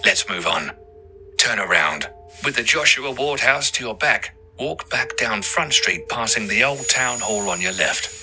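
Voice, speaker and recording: Male tour guide, scripted ghost story narration, spooky and theatrical, very bright forceful tone, music underneath. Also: lowish voice, expressive, unhurried. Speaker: audio walking tour guide.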